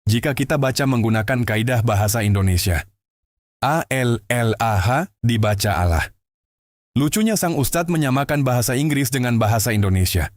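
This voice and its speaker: Brief: male host and narrator, even explanatory read, mid-pitched. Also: moderate pace, dry recording, clean studio sound. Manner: steady explanatory delivery. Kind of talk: scripted commentary narration.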